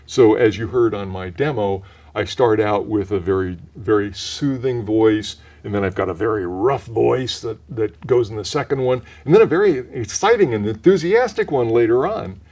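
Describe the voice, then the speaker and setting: A retired professional who became a voice actor answers interview questions as a guest. He is an older man with a mellow, fairly low voice, explaining carefully and frequently restarting what he says.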